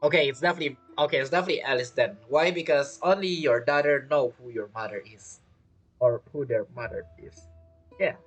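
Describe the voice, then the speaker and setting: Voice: mid-range voice, fairly quick, soft background music. A game streamer giving casual reaction commentary and theorizing aloud.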